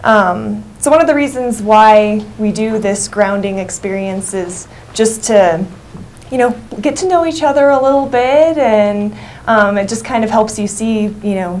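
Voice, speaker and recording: Young woman explaining haltingly, faint noise. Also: medium pitch, darkish tone. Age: young adult. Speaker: workshop co-facilitator. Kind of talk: informal explanatory talk to a group.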